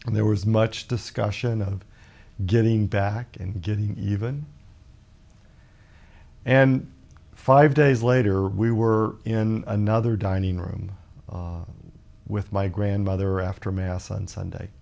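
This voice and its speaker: A man in his fifties from Alabama, a guest author telling a personal story in a measured, reflective way with many pauses. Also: on the low side, steady tone, creaky, darkish tone, highs cut off. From Birmingham, Alabama, USA. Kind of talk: personal storytelling in a talk show interview.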